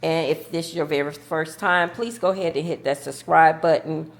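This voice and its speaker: A woman's voice: sits low, steady tone, normal speed, vocal fry. A woman in her fifties, a grandmother, chatting casually with her viewers in a folksy, talkative way. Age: 50s. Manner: chatty, folksy, talks while eating cake. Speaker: vlogger. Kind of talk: casual chat.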